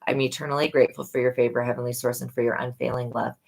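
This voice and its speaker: Her voice is strikingly deep, darkish, and hoarse from yelling as she hosts a tarot reading on a live stream, speaking rapid-fire with little pitch movement. She offers earnest, motherly reminders and gets preachy whenever faith comes up.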